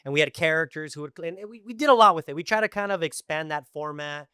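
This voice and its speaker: A middle-aged man with roots in Tijuana and East Los Angeles is a guest on a casual podcast, telling animated stories packed with "you know" and "like." His voice is bright, crisp and fairly high, and he speaks fast and energetically in a close, dry recording.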